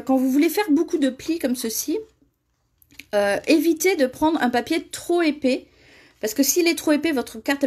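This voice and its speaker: A woman's voice: high voice, a little mellow. A woman giving a live card-making tutorial, chatty and often laughing as she reads viewer comments aloud. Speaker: crafting demonstrator.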